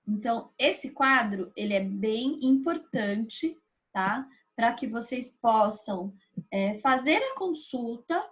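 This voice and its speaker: A woman teacher with a Brazilian Portuguese accent, patiently explaining a grammar lesson step by step and checking in with her students. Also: on the high side. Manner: patient, explaining step by step with frequent tag questions.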